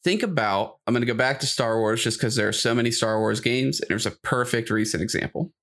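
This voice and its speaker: In a laid-back podcast discussion, a male co-host gives his views informally. His pitch is medium and his tone fairly bright.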